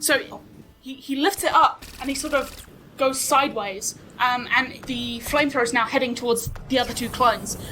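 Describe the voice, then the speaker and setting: A woman's voice: high-pitched, steady tone, normal speed, bright, forceful tone, slight background noise, rough recording. A woman as game master narrating a tabletop game live, playful and prompting players for rolls. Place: live stage at a gaming convention.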